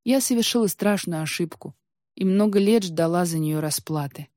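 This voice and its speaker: Emotional storybook archivist woman, read by a woman narrator, mellow dark tone, dry close sound. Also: on the low side, moderate pace, no echo, lightly acted. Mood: sorrowful.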